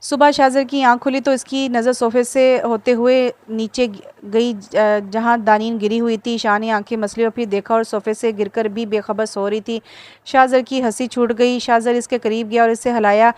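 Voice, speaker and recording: A woman narrating a romance audio novel in a steady, even reading with the odd slip. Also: a little high, normal speed, clean tone, no room sound.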